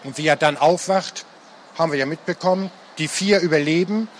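High-voiced guy reading his book out loud, dramatic and expressive. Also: brisk, slight background noise. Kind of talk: dramatic story reading aloud.

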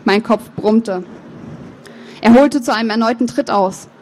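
A woman author reading her novel aloud, with measured, expressive first-person narration and the odd slip of the tongue. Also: on the high side. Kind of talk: book reading.

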